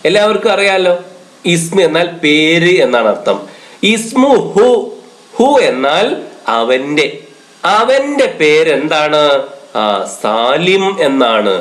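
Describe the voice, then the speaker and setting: A man teaching a children's Arabic lesson, explaining slowly word by word and asking the pupils questions. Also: on the high side, fairly bright tone. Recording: echoey room.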